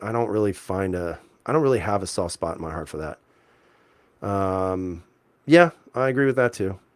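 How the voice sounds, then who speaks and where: Male streamer host, deep-ish relaxed voice, dry close mic, rambling casual chat. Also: dry recording. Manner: laid-back, chuckling, lots of fillers and restarts. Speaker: livestream host reading chat. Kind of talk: casual live-chat talk.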